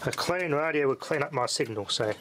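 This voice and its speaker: His voice sits on the high side, expressive and slightly fast, as this radio-testing hobbyist casually narrates his hands-on work, muttering and rambling along. The audio is noisy, with clicks from handling.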